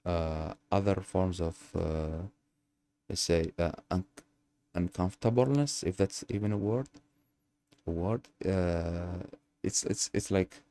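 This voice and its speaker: Deep gravelly-voiced man from Algeria. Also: takes it slowly, mellow. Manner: hesitant, searching for words with many fillers. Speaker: channel host. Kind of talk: casual storytelling monologue.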